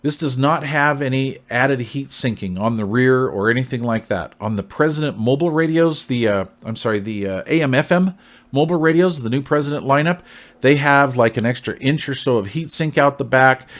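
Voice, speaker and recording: In a brisk, medium-pitched voice, an American channel host reviews a CB radio product. He's folksy and conversational, goes on at length, and keeps checking in with whoever's listening.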